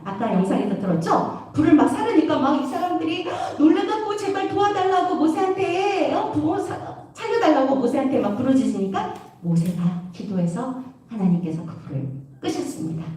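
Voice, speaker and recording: Animated woman preaching in an echoey hall. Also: sits high, far from the mic. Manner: animated, keeps asking the audience questions. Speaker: youth preacher. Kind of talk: lively sermon to youth.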